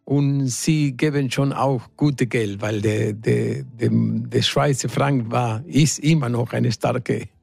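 A middle-aged man with an Argentine Spanish accent and Spanish as his first language, talking haltingly as a guest in a radio interview. His voice has a gravelly creak. The sound is close and dry, with no room around it. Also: medium pitch, steady tone, darkish tone, no echo. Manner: hesitant, halting, searching for words in a second language. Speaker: singer, studio guest.

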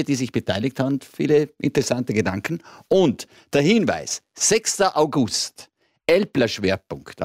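A friendly man hosts a late-night radio show from the studio. He talks chattily, with plenty of fillers and restarts. His voice sits at a middle pitch and sounds dry and close to the microphone. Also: no echo. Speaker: radio host.

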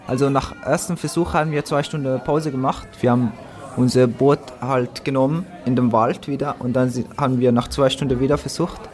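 A young man playing a quiet newcomer schoolboy in an amateur school drama, speaking slow, simple German with many hesitations. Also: mid-range voice, steady tone, natural voice.

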